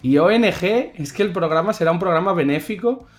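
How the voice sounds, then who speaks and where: A man's voice: high-pitched, expressive, brisk, soft background music. A man with a Spain Spanish accent co-hosting a casual chat show, joking and sarcastic. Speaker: podcast co-host.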